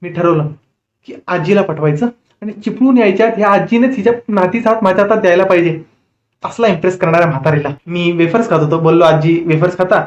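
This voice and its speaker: A young man telling a comic story in a lively, exasperated way. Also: high-pitched, quick pace, dull audio. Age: young adult. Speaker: comedian storyteller. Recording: roomy echo.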